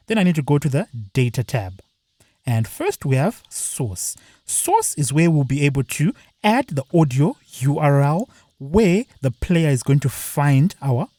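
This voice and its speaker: A man walks through a screen-recorded software tutorial, explaining each step plainly with the occasional filler word. His pitch is medium, and there's no room sound.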